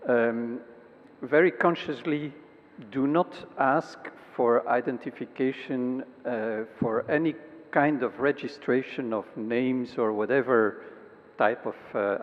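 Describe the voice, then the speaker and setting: A man from the audience commenting and asking at a conference, halting with frequent fillers. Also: medium pitch. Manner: halting, many uhs and ums. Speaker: audience member asking a question. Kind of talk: conference Q&A remark. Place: large conference hall. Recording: dull sound with long hall reverb.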